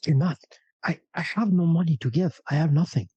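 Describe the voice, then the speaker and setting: A man voicing a humble, grateful troll parent in a tabletop game, speaking in a halting, earnest manner. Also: on the high side, dark tone, slightly rough, no room sound, muffled recording, voice pushed up. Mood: anxious, grateful.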